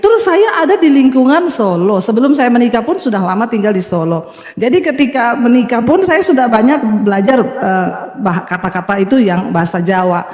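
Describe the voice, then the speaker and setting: A woman's voice: fairly high pitch, lively intonation, a little fast, a little mellow. A woman pastor with a Sulawesi accent, preaching a sermon to a congregation in a church hall through humorous storytelling. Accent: Sulawesi Indonesian. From Sulawesi, Indonesia. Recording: echoey church hall, long reverb.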